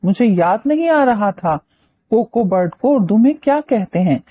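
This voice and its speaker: A woman's voice: mid-range voice, animated, moderate pace, muffled recording, lightly acted. A woman reading a novel aloud, voicing a touchy, easily flustered young woman who snaps back. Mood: irritated. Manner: irritated, sharp-tongued.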